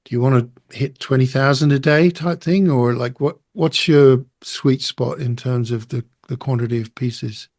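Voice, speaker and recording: Host, man with a mid-pitched voice, asks probing, meandering questions. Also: normal speed, hardly any pauses, darkish tone. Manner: probing, thinks aloud through long questions. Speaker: podcast host. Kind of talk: interview questions.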